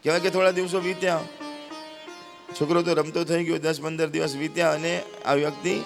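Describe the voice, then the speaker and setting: Gujarati male preacher, gravelly voice, dramatic story sermon in a big echoing hall. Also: fairly high pitch, little pitch movement, brisk. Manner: acts out characters' cries and pleas with rising intensity. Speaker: spiritual storyteller. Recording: long hall reverb with faint sitar music.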